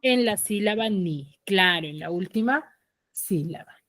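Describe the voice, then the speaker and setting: A woman's voice: medium pitch, expressive, measured pace, a bit bright, no room sound. Patient teacher questioning her class. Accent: Peruvian Spanish. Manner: patient, questioning, drills students step by step. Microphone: computer mic on a video call.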